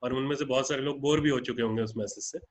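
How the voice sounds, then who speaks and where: A man's voice: medium pitch, fairly even intonation, fast, poor audio. Earnest Indian man on a video call. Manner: earnest, plain-spoken, mixing in English phrases. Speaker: founder addressing partner groups. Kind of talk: online webinar talk.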